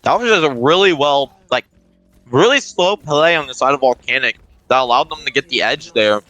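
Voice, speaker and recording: A man gives color commentary on an esports match, joking and chatty. His pitch swings widely as he talks. His tone is bright and forceful. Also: lively intonation, moderate pace, soft background music, low-quality recording.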